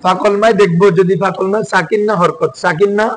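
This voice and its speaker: A man's voice: high voice, fairly even intonation, fast talker, slight background noise, rough recording. A male teacher, giving a classroom lesson and quizzing his students with repeated questions.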